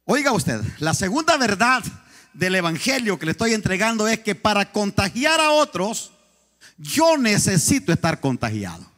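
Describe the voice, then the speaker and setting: High-voiced pastor preaching emphatically. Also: male voice, very animated, normal speed, a bit bright, long reverb tail. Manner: emphatic, asks the congregation repeated questions. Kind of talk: sermon.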